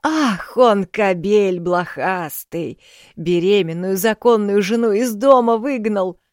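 Woman doing blunt elderly country landlady, higher and louder, folksy scolding. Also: unhurried, no room sound, studio quality. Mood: fussing. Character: elderly village landlady, blunt, earthy, fussing.

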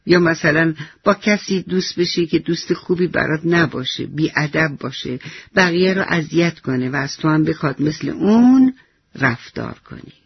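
A man voicing a gentle, husky old grandfather. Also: a little high, animated, no room sound, muffled recording. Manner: gentle, slow and tender. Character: kind, wise grandfather.

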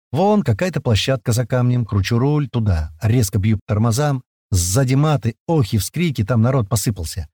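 A man reads a gritty first-person action story, his pitch rising and falling with every burst of action. The sound is dry and close to the mic, with no room around it. When the characters yell, he shouts their lines with rough force. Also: no echo. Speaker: audiobook narrator.

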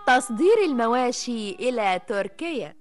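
A woman's voice: on the high side, lively intonation, normal speed, faint music behind. A woman reading scripted news items as an announcer. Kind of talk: scripted news-digest narration.

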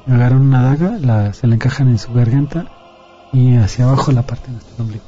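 As an interview guest, a man gives an earnest personal testimony, confiding his story in a quick, dark-toned, mid-range voice. The audio is dull and lo-fi, with faint music behind him.

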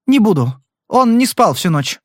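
A man's voice: high voice, sing-song, moderate pace, no room sound, studio quality, voice pushed up. A man voicing a fierce, defensive middle-aged wife in an audiobook, speaking in an insistent, protective way. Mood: defiant.

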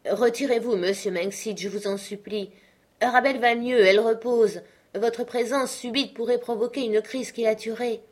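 A woman's voice: fairly high pitch, fairly even intonation, normal speed, darkish tone, voice pushed up, close to an everyday voice. An earnest country doctor, as a woman reader puts him on, pressing and persuasive. He sounds urgent and coaxing, his voice lifted a little above the narration.

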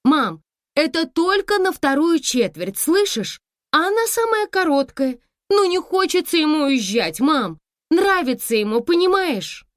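A woman's voice: high-pitched, sing-song, no room sound, clean studio sound, pitched above the performer's own voice. Woman doing a frantic pleading daughter. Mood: pleading, excited. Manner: rapid, breathless pleading. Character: frantic grown daughter pleading over the phone.

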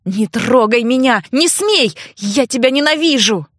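Woman doing a hot-headed young noble girl, high and shrill, talks back hard. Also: lively intonation, a little slow, dry recording, studio quality. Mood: furious defiant. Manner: shrill, indignant, shouting. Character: fiery young noblewoman, defiant and hot-tempered. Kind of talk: audiobook character voice.

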